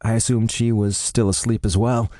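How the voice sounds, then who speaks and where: Brief: male narrator as young male housemate, curious, mild; low pitch, dry close audiobook sound. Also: level tone, normal speed, dark tone, dry recording, lightly acted.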